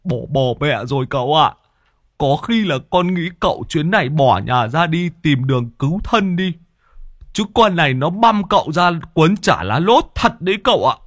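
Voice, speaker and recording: A man's voice: a little high, lively intonation, normal speed, dry recording, studio quality, voice pushed up. Man doing a stammering panicky old helper. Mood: panicked. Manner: stammering, lamenting.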